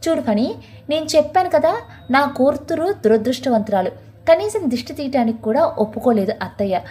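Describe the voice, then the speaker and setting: A woman's voice: high-pitched, expressive, brisk, dark tone, husky. A woman voicing a young wife and mother who speaks sadly and resignedly. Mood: sorrowful. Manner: sad, resigned.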